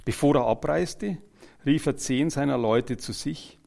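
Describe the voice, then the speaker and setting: Gravelly preacher, loud then hushed. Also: male voice, medium pitch, measured pace. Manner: swings between loud exclamations and quiet, earnest asides; jokes with the congregation and retells scripture in everyday terms. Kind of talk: evangelical sermon.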